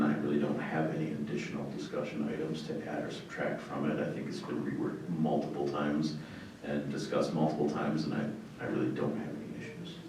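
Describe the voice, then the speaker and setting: A man with an American accent speaking as a board member in a meeting, in a hesitant, measured way. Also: rumbling low. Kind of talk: meeting discussion. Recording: echoey room, far mic, faint noise.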